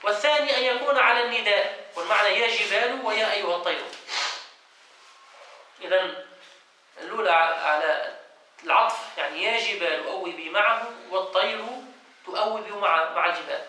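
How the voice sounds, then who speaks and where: Brief: male sheikh teaching a study circle, high, bright voice, distant and echoey. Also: a little fast, pauses often. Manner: reads a passage, then explains it and quizzes students. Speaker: sheikh teaching Quran exegesis. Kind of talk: classroom lesson, reading and explaining. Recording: echoey room, voice from off-mic, faint noise.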